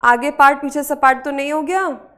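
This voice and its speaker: Brisk high-voiced Indian woman teacher. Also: a bit bright. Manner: brisk, praising, urging students to hurry. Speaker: English spelling teacher. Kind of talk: live online class, quizzing students.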